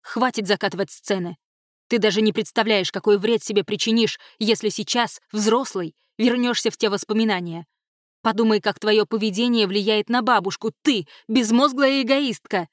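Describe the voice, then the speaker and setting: A woman's voice: mid-range voice, normal speed, no echo, clean studio sound, close to an everyday voice. A woman reading an audiobook, voicing a stern aunt who answers firmly and snaps when pushed. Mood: firm, harsh. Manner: firm, defensive, snapping. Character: stern aunt, guarded and quick-tempered.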